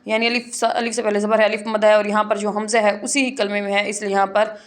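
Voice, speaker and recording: A woman teaching Quran reading in an online lesson, explaining rules and then slowly spelling out letters and drawn-out syllables. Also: mid-range voice, little pitch movement.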